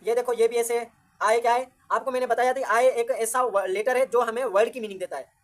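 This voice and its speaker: A woman's voice: on the high side, steady tone, fairly quick. A woman teaching a grammar lecture, patiently repeating each point and counting words aloud as she explains.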